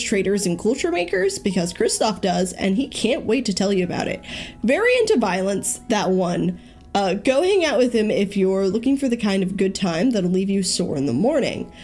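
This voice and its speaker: Thinking aloud as she plays, a young woman gives easygoing let's-play commentary, frequently saying "um." Her mid-range voice has a somewhat dark tone, and she runs a gaming YouTube channel.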